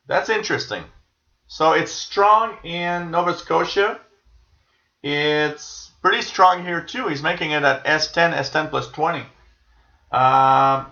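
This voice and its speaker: Male radio-tuning host, slightly high bright voice, casual musing commentary, roomy dull recording. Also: vocal fry. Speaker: host of a live shortwave radio tuning stream. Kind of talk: casual live commentary, reading out listener signal reports. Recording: dull, echoey room sound.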